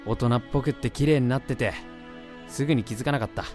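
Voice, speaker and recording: In a Japanese voice drama with narration, a young man plays a lovesick, awkward, self-deprecating university student, wistful and earnest. His mid-range, slightly mellow voice is fast, close to everyday speech, and hesitant yet blunt, over soft background music.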